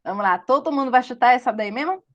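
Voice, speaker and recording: A woman's voice: a little high, lively intonation, fast talker, lo-fi sound. A woman teaching a live online drawing class, chatty and playful, laughing at her own slips. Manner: chatty, laughing, self-deprecating asides.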